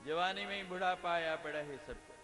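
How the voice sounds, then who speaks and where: A male preacher gives a devotional talk full of humorous stories and playful questions to his listeners. His voice is bright and sits a little high. The sound carries a long hall reverb, with faint music behind it. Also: brisk. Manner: jokes and asks the audience questions. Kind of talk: devotional discourse with humorous storytelling.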